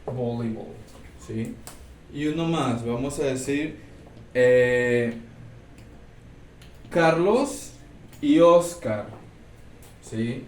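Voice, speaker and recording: Patient teacher in a roomy classroom. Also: male voice, medium pitch, lively intonation, very slow, long pauses. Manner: explains step by step, checks in with "¿sí?". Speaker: English teacher. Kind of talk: recorded class lesson. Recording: roomy, distant mic, faint background noise.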